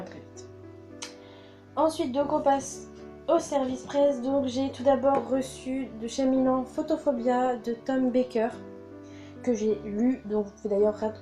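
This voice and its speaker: A woman's voice: on the high side, unhurried. A young woman presenting her new books in a casual vlog, enthusiastic and full of fillers and repeated words. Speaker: book vlogger. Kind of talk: casual book haul chat. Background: soft background music.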